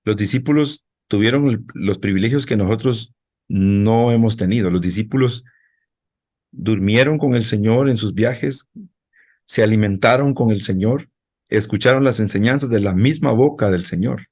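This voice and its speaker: A man's voice: on the low side, normal speed, darkish tone. A male pastor preaching a sermon in a conversational way, speaking directly to his congregation.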